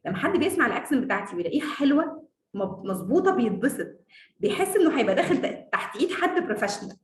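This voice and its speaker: An Egyptian woman with an Egyptian Arabic accent, teaching English in a confident, lively, casual online lesson and laughing often. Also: high-pitched, very fast, reverberant, slight background noise.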